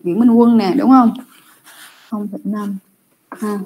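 A young adult woman teaching an online class, correcting students' answers with patient, drawn-out explanations over a computer mic. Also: medium pitch, steady tone, dark tone, a little hiss or hum.

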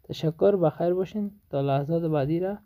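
A man with an Afghan Dari accent giving a language lesson, drilling English questions slowly and translating each one. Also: a little high, phone-quality sound. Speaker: English teacher.

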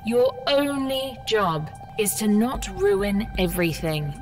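A woman's voice: mid-range voice, lively intonation, slow, a little mellow, faint music behind. A woman voicing a bored, sarcastic female computer program guide in a video game, talking down to the user. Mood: condescending. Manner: sarcastic, condescending. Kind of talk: video game character dialogue.

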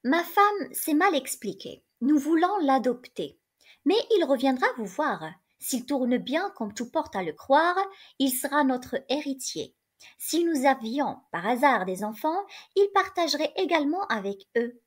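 A woman voicing a well-off husband who sets out a formal offer in measured terms, in a storybook reading. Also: high-pitched, sing-song.

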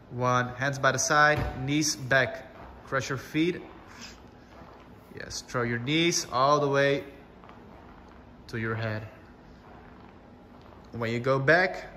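Bright-voiced, unhurried male workout instructor. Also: mid-range voice, long reverb tail, slight background noise. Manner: encouraging, short commanding cues. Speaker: fitness class instructor. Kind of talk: instructing a home workout class with cues and countdowns.

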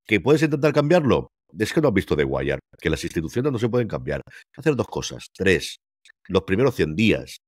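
A Spanish TV series critic co-hosts an easygoing review chat remotely from home, speaking over a video call with a headset and desk mic. His voice sits low and he talks briskly and with great animation, emphatic and full of rhetorical questions.

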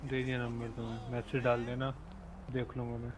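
Brief: male streamer in game role-play, easygoing slangy banter, mid-pitched, over noisy game voice chat. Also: completely flat delivery, fairly quick. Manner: laid-back, slangy banter.

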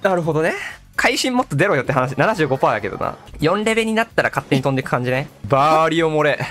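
A man doing excitable live gameplay commentary as a streamer. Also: fairly high pitch, very fast. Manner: excitable, exclaiming, echoes game lines. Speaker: gaming streamer. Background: game music and sound effects.

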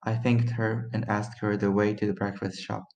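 A man's voice: lowish voice, flat delivery, normal speed, darkish tone. Teenage boy reading a story aloud. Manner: plain reading with occasional stumbles. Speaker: student reader.

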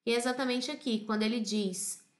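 A woman teaching an Italian lesson, explaining song lyrics and patiently repeating Italian phrases slowly before translating them. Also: on the high side.

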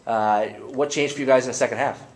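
A man's voice: mid-range voice, steady tone, fast, slight background noise. Male interviewer, postgame presser, rambling questions with restarts. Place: press conference room.

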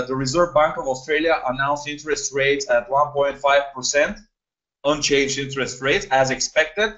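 Here a young man from Bulgaria runs a live webinar in a chatty style full of filler words. His voice is medium in pitch and slightly bright. The sound, captured on a computer microphone in a small room, is a dull lo-fi webinar recording.

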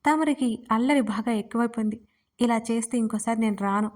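A woman voicing a feisty, quick-tempered young heroine in a read-aloud romance story. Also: on the high side, close to an everyday voice. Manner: sulky, sharp-tongued.

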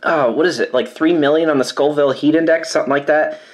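A man's voice: fairly high pitch, fairly even intonation, fast talker. Nervous man reading a chip box aloud. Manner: nervous, sighing, reading labels aloud with wry asides. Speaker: YouTuber doing a food challenge. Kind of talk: casual vlog commentary.

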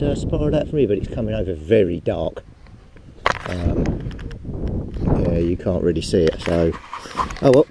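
A man chats and rambles to a head-mounted action camera while metal detecting on a beach, narrating casually as he digs. His voice is medium in pitch. The outdoor audio is buffeted by wind, with wind and sea noise behind him.

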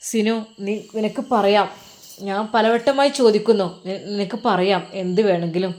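An older foster mother, kindly but insistent, pressing a grown son to say what he wants, as a woman storyteller plays her. Her voice sits a touch higher and louder than the narration, with a pleading, questioning lift. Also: fairly even intonation, normal speed, lightly acted.

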